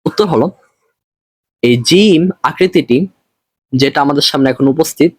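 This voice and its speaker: A man teaching Arabic letters in an online lesson, patient and repetitive, stretching each letter name slowly, with a Bangladeshi Bengali accent. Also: fairly high pitch, dry recording. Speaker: Quran reading teacher.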